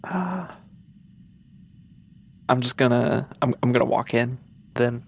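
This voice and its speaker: A man's voice: mid-range voice, slow pace, creaky, slightly rough, highs cut off. A man playing a comedic tabletop game, cautious and curious, asking the game master one question after another. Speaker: player.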